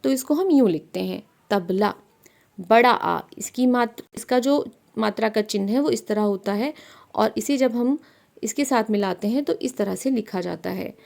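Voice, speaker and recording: A woman teaches a primary-school grammar lesson, her voice a little high and edged with gravel. She explains each point step by step and keeps asking her pupils questions before she answers them herself. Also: normal speed, darkish tone.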